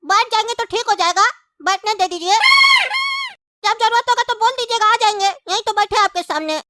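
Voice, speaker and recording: A woman's voice: very high voice, fairly quick, background noise. A woman voicing an indignant young male witness in a comedy skit, with a whiny, sarcastic way of complaining.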